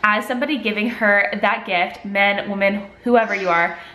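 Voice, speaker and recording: A woman in her twenties with a cold sniffles as she talks casually to the camera, a lifestyle vlogger in her home kitchen. Her mid-range voice is bright and forceful, with fairly even intonation and a moderate pace. She's chatty and gestures a lot with her hands, and the camera sits at desk distance in the echoey kitchen.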